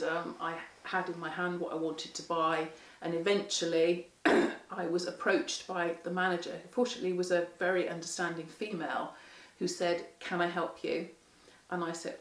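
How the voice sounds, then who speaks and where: A hoarse woman, a parent carer speaking frankly in an interview and acting out what others say. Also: on the low side. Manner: frank, candid storytelling that acts out quoted speech. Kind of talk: interview testimony. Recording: echoey room, mic far off.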